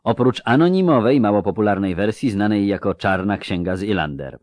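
A man's voice: lowish voice, animated, brisk, dry recording, clean studio sound, close to an everyday voice. A man reading aloud and voicing a stern female sorceress scholar who speaks sharply and curtly. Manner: sharp, curt.

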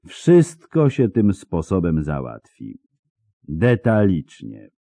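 A man voicing a boastful, crude male bandit leader who talks in a loud, gloating, folksy way in an audiobook. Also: low voice, huge pitch swings, takes it slowly, gravelly, no room sound, heavily acted.

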